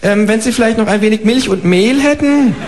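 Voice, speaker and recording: A man's voice: high voice, brisk, crowd noise, voice pushed up, natural voice. A man voicing a talking kangaroo neighbor who politely but pushily asks for one thing after another. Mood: pushy polite. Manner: polite, wheedling requests, cheeky. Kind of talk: comic reading.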